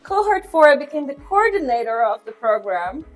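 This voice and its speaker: Chatty Brazilian-born woman, higher voice. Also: big pitch swings, brisk, soft background music. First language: Portuguese. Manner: chatty, laughs often, acts out her own past thoughts. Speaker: guest, program manager. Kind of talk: casual interview.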